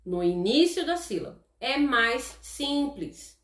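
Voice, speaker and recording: A Brazilian woman with a high voice and wide pitch swings runs a live online class, her fairly bright tone carrying a roomy sound. Speaking with a Brazilian Portuguese accent, she explains slowly and patiently, chatting with viewers and checking in often with "tá?".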